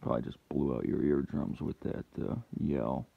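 Over phone-quality sound, a lockpicking hobbyist with an extremely low, gravelly voice speaks at a moderate pace in a steady tone. Hosting his own channel, he works through the task step by step, muttering casually to himself, with sudden frustrated yells now and then.

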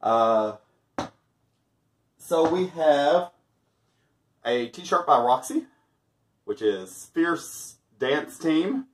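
The reviewer, a man in his thirties, has a slightly high, sing-song voice, drawing out his words and pausing often. He jokes and chuckles through a casual test of a laundry product, filmed with a camera mic in a small indoor room with a starry backdrop.

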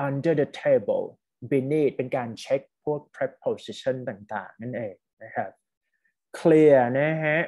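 A man with a Thai accent teaching an online English test class, mixing Thai with English and reading test lines slowly. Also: medium pitch, warm tone.

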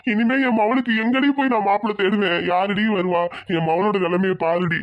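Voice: mid-range voice, steady tone, a little fast, lightly acted. A performer voicing a grieving middle-aged village father who blames himself, in a cartoon. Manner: mournful, self-blaming. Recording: dull lo-fi sound.

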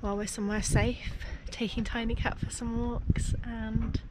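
A woman, chatting casually to a close-held camera on a sailboat deck, relaxed and full of fillers. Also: a little high, moderate pace, very noisy. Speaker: sailing vlogger. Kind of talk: casual vlog talk to camera. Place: outdoors on a sailboat deck in a harbour.

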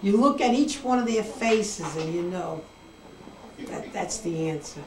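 Here the grandmother answers her son's questions in a family home-video interview captured on old VHS tape, rambling earnestly and sentimentally. She speaks at a measured pace in an expressive, mid-range voice. Music plays behind her, and the distant camcorder mic gives an echoey, noisy sound.

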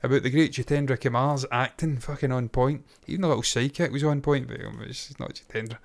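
A middle-aged Scottish man co-hosts a reaction show, chatting casually about what he's reviewing. Blunt and swearing freely, he speaks quickly at medium pitch with fairly even intonation. He's close to a boom-arm mic in a small home studio.

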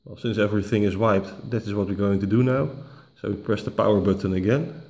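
Speaking from his dining room at home into a camera mic, a tech tutorial host whose native language is probably Dutch, not English, slowly guides viewers through resetting a tablet. He sits on the low side, with vocal fry and a darkish tone. His pace is relaxed, packed with "uh" fillers, restarts and self-corrections.

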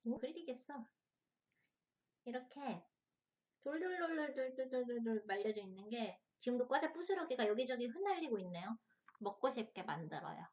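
High-voiced woman reviewing snacks as she eats. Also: expressive, normal speed, darkish tone, dull audio. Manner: tasting and eating chips and snacks while talking. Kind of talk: casual mukbang snack review.

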